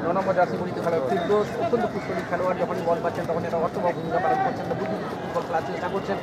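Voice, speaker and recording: Rapid Bengali male football commentator over loud crowd. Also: high voice, flat delivery. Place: outdoor football ground. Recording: very noisy outdoor ground, loud crowd.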